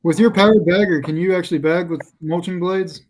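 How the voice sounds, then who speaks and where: Fast-talking American man, slightly high voice. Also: fairly even intonation, a little mellow, slight background noise, low-quality recording. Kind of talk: casual group chat.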